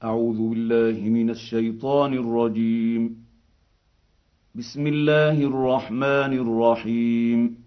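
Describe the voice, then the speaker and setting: A man reciting the Quran in a slow, even, melodic chant. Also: mid-range voice. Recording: muffled lo-fi recording.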